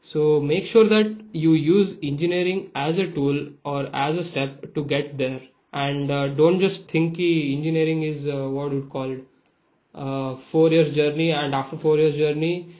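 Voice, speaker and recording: Young indian guy explaining stuff on a podcast, lightish pitch, bit lo-fi. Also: darkish tone. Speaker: podcast co-host. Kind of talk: casual podcast discussion. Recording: slightly dull lo-fi sound.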